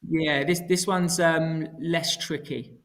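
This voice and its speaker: A man's voice: a little high, fairly even intonation, takes it slowly, fairly bright tone. A man teaching in a casual live tutoring style, hesitant and self-correcting, dropping his T's with glottal stops. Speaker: history teacher co-hosting.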